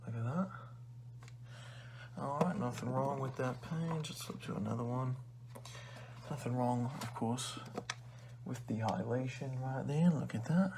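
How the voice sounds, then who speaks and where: A condescending male librarian , acted out by a man, in a soft ASMR ASMR role-play. He has a chummy yet rude salesman's patter and an average-pitched voice. There is some noise and clicking in the recording. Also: measured pace, vocal fry, long pauses. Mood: teasing, murmuring. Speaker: ASMR performer.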